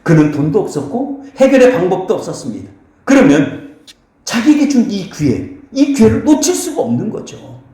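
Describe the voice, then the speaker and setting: Pastor with a lively, swooping voice. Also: male voice, high-pitched, moderate pace. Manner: asks the congregation rhetorical questions and answers them; keeps addressing the listeners directly and blessing them. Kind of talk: sermon. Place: church sanctuary. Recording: very echoey church hall.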